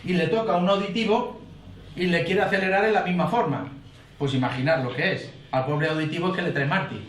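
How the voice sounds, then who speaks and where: A man lectures a workshop group in a high, lively voice, throwing quick questions at them. He sits far from the mic in an echoey room with faint background hiss. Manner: explains with frequent tag questions to the group. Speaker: course instructor. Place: lecture room in front of an audience. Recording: roomy amateur recording from afar.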